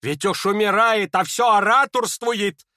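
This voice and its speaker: A man's voice: high-pitched, normal speed, a bit bright, no room sound, studio quality, pitched above the performer's own voice. A man reading an audiobook and voicing a hot-tempered older woman who scolds shrilly and indignantly. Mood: frightened scolding.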